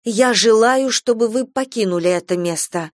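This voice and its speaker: A woman's voice: mid-range voice, expressive, normal speed, no echo, studio quality, lightly acted. A woman doing a proud, fiery young farm mistress. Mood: indignant. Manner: heated, insistent.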